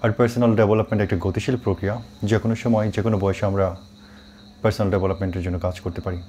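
Middle-aged man, English teacher, brisk pace, low voice, patient explaining, faint background noise. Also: level tone, warm tone. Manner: explains slowly, spelling out words and mixing in English. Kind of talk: online pronunciation lesson.

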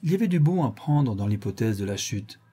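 A man's voice: lowish voice, big pitch swings, dark tone, breathy edge. Man voicing a stern, shrewd lady of the house. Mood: cold. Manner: measured, deliberate interrogation. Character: stern shrewd woman questioning her servants, cool and firm.

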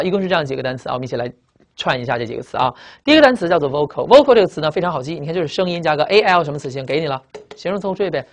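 A male teacher lecturing in a classroom. He spells words out slowly, repeats them, and tags his phrases with "啊". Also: a little high. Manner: lively, drawn-out spelling and repetition, frequent "啊" tags. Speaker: English vocabulary teacher. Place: classroom with blackboard.

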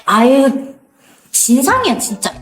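Audio drama: actress as expressive, nagging young woman, loyal and exasperated, animated pitch, echoey room, faint music. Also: slow pace, heavily acted. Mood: exasperated, fussing. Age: young adult. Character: exasperated, loyal young woman minding her drunk friend.

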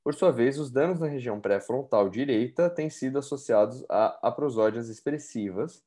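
A man reads out exam questions at a measured pace. He then adds his own comments in a mid-pitched, plain voice. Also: mellow. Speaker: exam prep instructor. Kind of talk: reading and discussing exam questions.

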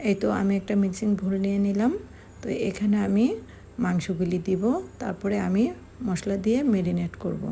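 Woman cooking-channel host, dark mellow voice, patient step-by-step delivery. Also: mid-range voice, little pitch movement, gravelly, a little hiss or hum. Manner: slow, step-by-step explaining with fillers. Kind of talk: home cooking tutorial narration.

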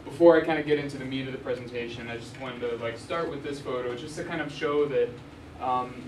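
A young journalist from Arizona, USA gives a casual slide lecture in a university lecture hall, speaking quickly in a mid-range voice with frequent ums and restarts. A distant room mic captures him in a noisy, echoey hall.

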